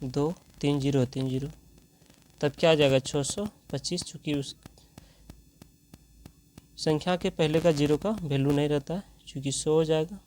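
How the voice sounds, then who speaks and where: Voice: mid-range voice, fairly even intonation, moderate pace, long pauses, a little mellow, a little hiss or hum. A math teacher, working through problems step by step and asking rhetorical questions along the way.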